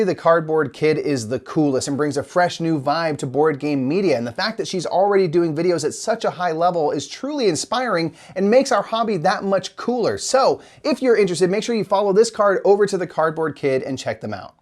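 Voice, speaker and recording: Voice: medium pitch, expressive, brisk, few pauses, a little mellow. A co-host delivering scripted comedic board game news in the manner of a parody news anchor.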